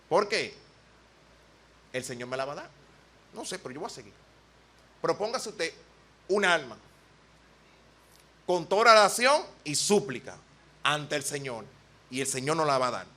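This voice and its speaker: A man's voice: on the high side, bright, forceful tone. A man preaching a sermon in a church with a Dominican accent, earnest and folksy, weaving in personal stories. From Dominican Republic.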